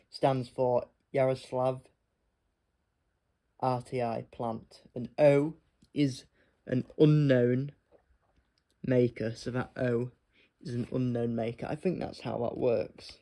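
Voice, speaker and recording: A man giving a casual explanatory review, speaking haltingly as he spells out details piece by piece. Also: medium pitch, creaky, dark tone. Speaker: product reviewer.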